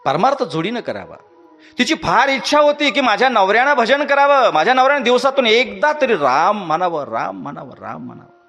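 High-voiced male devotional preacher. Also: very animated, brisk, faint music behind. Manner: swings between loud high exhortation and soft low asides, addresses the audience directly. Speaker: devotional storyteller. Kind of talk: devotional katha sermon.

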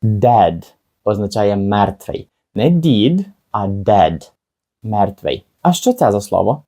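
Relaxed man teaching English words. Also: lowish voice. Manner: chatty, asks the viewer rhetorical questions, slows down for example words. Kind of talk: casual video lesson.

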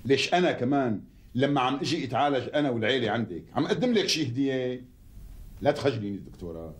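An actor playing a jovial, effusive middle-aged lawyer who speaks with a Syrian Arabic accent in a TV sitcom. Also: male voice, medium pitch, lively intonation, fast, breathy edge. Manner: effusive, teasing. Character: jovial middle-aged male lawyer, warm family friend. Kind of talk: TV sitcom acting.

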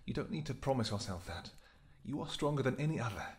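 A man performs a scripted audio roleplay as a royal vampire husband who is protective and affectionate, speaking softly with hesitant pauses. The mood is tender, and his mid-range voice is expressive and lightly acted.

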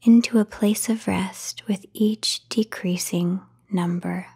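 A woman whispering a guided sleep meditation, slow and soothing with long pauses. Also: medium pitch, steady tone, vocal fry, darkish tone, breathy edge.

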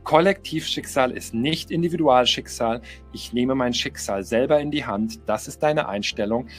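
A man's voice: medium pitch, moderate pace, a bit bright, soft background music. A middle-aged man giving a motivational coaching talk, emphatic, repeating key phrases and speaking straight to the listener. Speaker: life coach.

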